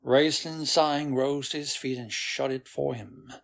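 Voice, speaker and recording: Sex: man. Role: bedtime audiobook narrator. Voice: husky, mid-pitched. Pace: very slow. Style: reading a fantasy novel for sleep. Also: steady tone.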